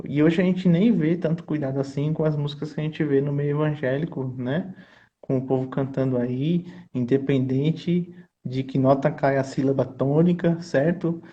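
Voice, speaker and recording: Man, choir conductor, teacherly explaining, mellow voice, muffled lo-fi sound. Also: mid-range voice. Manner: earnest, teacherly, keeps checking in with the listener. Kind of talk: explanatory conversation.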